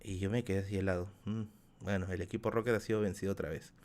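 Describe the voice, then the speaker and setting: A man's voice: sits low, steady tone, fast, a little mellow. A man in his thirties with a Peruvian accent, telling a rambling story to his live chat as a streamer host, repeating phrases and laughing often. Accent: Peruvian Spanish. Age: 30s.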